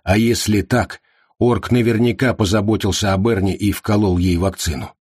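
A man's voice: fairly low pitch, steady tone, moderate pace, a little mellow, slightly rough, no echo, studio quality. A man voicing a blunt, domineering male security director in an audiobook. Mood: confident. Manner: blunt, confident.

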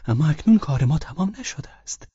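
A man's voice: expressive, warm tone, breathy edge, no room sound, dull audio. A man doing a drunk, frantic, fawning husband. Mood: insistent. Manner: pleading, insistent, high and strained. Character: drunk, fawning, excitable middle-aged husband.

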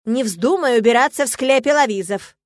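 A woman's voice: on the high side, brisk, dry recording, natural voice. Woman doing a furious shrieking female dean. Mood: furious shouting. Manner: barking, shouting orders.

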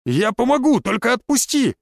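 A man's voice: very high voice, very animated, normal speed, creaky, no echo, clean studio sound, pitched above the performer's own voice, full character voice. A man voicing a terrified burly arsonist who pleads frantically for mercy. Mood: begging.

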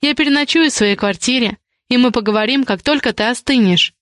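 A woman's voice: on the high side, a bit bright, no echo, studio quality, lightly acted. Woman voicing a defiant indignant young woman. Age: young adult. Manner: indignant, rapid questioning.

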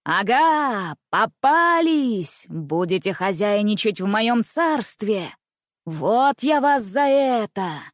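A woman's voice: mid-range voice, sing-song, takes it slowly, no echo, clean studio sound. A woman voicing a mischievous, cheerful teenage boy who teases his friends with a ringing laugh. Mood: gloomy menacing. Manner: laughing, teasing.

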